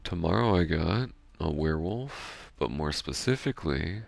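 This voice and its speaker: Low gravelly man chatting quietly over gameplay. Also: lively intonation, moderate pace, no echo. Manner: soft-spoken, keeping quiet late at night; rambling, self-deprecating storytelling. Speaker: gaming streamer. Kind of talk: casual gameplay commentary.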